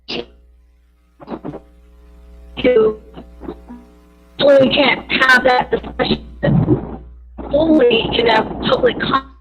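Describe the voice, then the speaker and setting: A woman serving as a school board president, speaking by car speakerphone while driving, earnest and halting with many restarts. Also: on the high side. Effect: car speakerphone call. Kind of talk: public meeting remarks by phone. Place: inside a moving car. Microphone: phone on speaker while driving. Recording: noisy car phone call with road noise, breaking up. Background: vehicle road noise.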